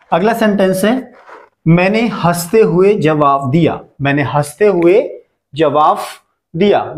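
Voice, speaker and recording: A man from India teaching English translation, saying each example slowly and repeating every phrase. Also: fairly high pitch. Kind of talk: Hindi-language English lesson.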